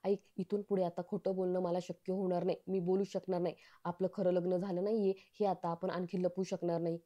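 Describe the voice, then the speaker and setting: A woman's voice: fairly low pitch, flat delivery, brisk, highs cut off, close to an everyday voice. A woman reading an earnest, anxious young woman. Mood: anxious pleading.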